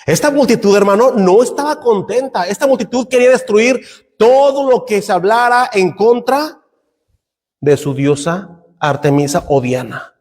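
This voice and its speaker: A man's voice: sits high, animated, normal speed, darkish tone, big-room sound. A middle-aged Mexican man preaching a fervent sermon in a Mexican Spanish accent, calling out to the brethren every few words. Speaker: pastor.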